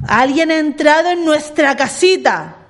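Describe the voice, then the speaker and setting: A woman voicing a big, gruff father bear in a storybook, exclaiming loudly. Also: expressive, measured pace. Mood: indignant. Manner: booming, loud exclamations.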